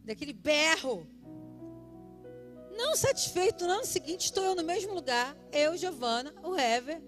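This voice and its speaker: A woman in her forties preaches at a church service, her voice high and lively. She tells personal stories with laughter and acts out the voices in them. Soft music plays faintly behind her. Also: moderate pace. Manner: animated, laughing, acting out voices. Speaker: pastor. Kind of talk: sermon with personal storytelling.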